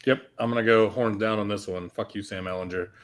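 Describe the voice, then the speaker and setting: A man's voice: fairly low pitch, fairly even intonation, brisk. A man co-hosting a casual sports betting chat, wisecracking with crude jokes. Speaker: podcast co-host.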